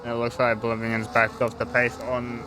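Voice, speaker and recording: A man's voice: mid-range voice, monotone, normal speed, background noise. A man giving informal live motorsport commentary on a sim race, hesitant and thinking aloud as he goes.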